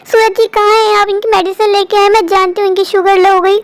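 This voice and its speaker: A meek young daughter-in-law from a cartoon story, voiced by a woman. She speaks high and quickly, always pleading and yielding. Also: flat delivery. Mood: anxious. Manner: pleading, submissive.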